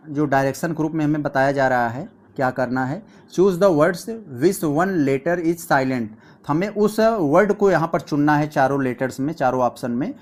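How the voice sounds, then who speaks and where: Male tutor, slightly high voice, patient step-by-step exam explainer. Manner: explains step by step, reads questions aloud slowly. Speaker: teacher. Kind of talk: exam practice lesson.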